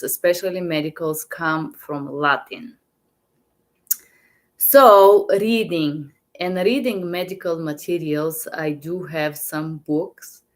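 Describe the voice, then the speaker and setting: Her Bulgarian accent and low voice come through as she slowly instructs interpreters in a relaxed live-stream lesson on medical interpreting. She hesitates, repeats herself, and keeps restarting.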